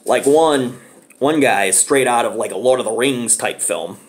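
A man in his thirties reviews a movie into his webcam mic from a small living room. His mid-range voice moves at a moderate pace as he rambles casually and enthusiastically, using lots of fillers.

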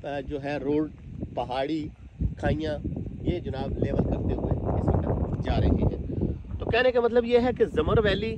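Pakistani guy in his 30s selling plots out in a field, slightly high voice, loud wind hitting the mic. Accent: Pakistani Urdu. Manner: brisk salesman patter, repeats "theek hai". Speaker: real estate agent. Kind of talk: property site-visit presentation to camera. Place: open field outdoors, wind. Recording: loud wind noise outdoors.

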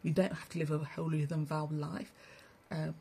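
On her livestream, the spiritual broadcaster keeps cursing while lecturing her "family" of listeners in a preachy, blunt tirade. The voice is low-pitched, creaky, dark and husky, with a level tone and normal pace.

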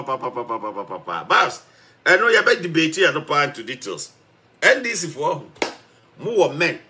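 A young man with a Ghanaian accent and a fairly high, sharp voice gives emphatic political commentary to camera, mixing English and Twi and laughing mid-rant. He is in a small indoor room with a TV behind him.

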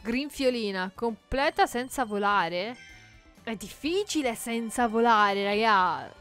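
A gaming YouTuber keeps up chatty, jokey let's-play commentary while playing a video game, shrieking in panic when things go wrong. Her slightly high voice is expressive and fairly bright, and she takes it slowly, with soft background music.

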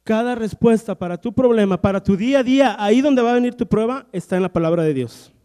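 A man preaching a sermon, telling Bible stories and acting out the characters' lines in a lively storytelling way. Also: high-pitched, fast, clear, resonant tone. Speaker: pastor. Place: church hall. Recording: long church hall reverb.

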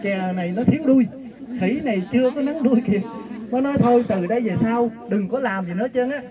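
High-voiced Southern Vietnamese man telling jokes. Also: fast, lo-fi sound. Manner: lively, acts out the characters' lines. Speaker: pilgrimage group leader. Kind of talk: folk joke storytelling to a group. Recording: crowd murmur behind the voice.

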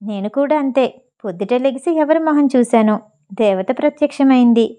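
A woman voicing a smug, rich young man who stays calm and teases in a lower, softer tone. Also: fairly quick, close to an everyday voice. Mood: teasing.

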